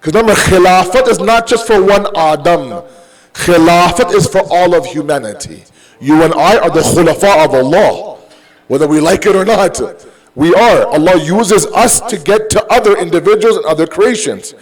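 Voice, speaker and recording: A high-pitched man delivers a conversational, emphatic sermon at a moderate pace, using rhetorical questions, everyday examples, and acted-out dialogue. He mixes Urdu and Arabic phrases into his English, and the recording quality is low.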